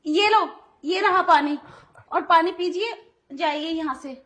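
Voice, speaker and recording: A woman's voice: very high-pitched, a little slow, a bit bright, slight background noise. A woman voicing an indignant young wife in an audio drama, who scolds and protests sharply at her pushy brother-in-law. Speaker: voice actor. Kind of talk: Hindi audio drama acting.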